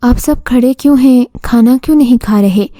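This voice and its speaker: A woman's voice: fairly high pitch, normal speed, mellow, no room sound, clean studio sound, close to an everyday voice. A woman voicing a polite young man who reassures his uncle in a storybook tale. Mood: reassuring.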